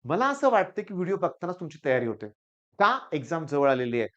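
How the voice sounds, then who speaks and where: A man with a Marathi accent teaching physics for an exam, hoarse from a sore throat, coaxing his students and repeating the key points. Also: on the high side, big pitch swings, quick pace, muffled recording. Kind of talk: exam-prep lecture.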